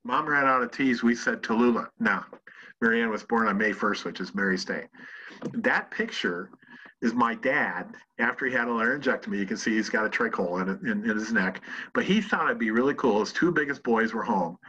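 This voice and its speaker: A man's voice: mid-range voice, brisk, sharp tone, a little hiss or hum. A man giving a casual presentation on humor, chatty and self-deprecating, with lots of fillers and restarts. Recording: dull lo-fi audio.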